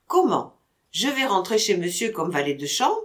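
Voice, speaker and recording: A deferential young manservant from an old storybook, played by a woman reading aloud, humble and eager to please. His short answers come out soft and a touch lower than the reader's own voice, bobbing in pitch. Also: very animated, normal speed, lightly acted. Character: young male servant, meek and eager. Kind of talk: audiobook character reading.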